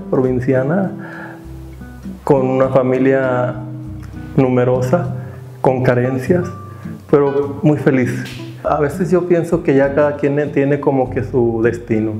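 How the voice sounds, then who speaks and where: A Mexican man in his fifties, with a mellow, medium-pitched voice, reflectively recounts his life as an artist and teacher in a personal testimony interview. The audio sounds roomy and slightly dull, with guitar music in the background.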